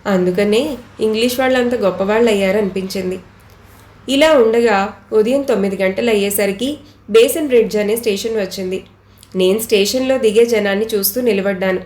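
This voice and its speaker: A woman reads a story aloud with steady, measured first-person narration. Her voice sits at a middle pitch. The reading was recorded in an echoey room.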